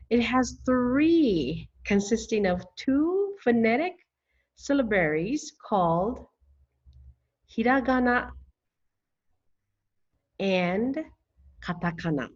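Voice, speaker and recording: A woman teaching a beginner language lesson at an unhurried pace, stretching each new word out syllable by syllable. Her pitch sits in a middle range. The recording sounds a little dull and lo-fi. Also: slightly rough. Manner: slow, deliberate, spells out words syllable by syllable. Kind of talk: scripted lesson narration.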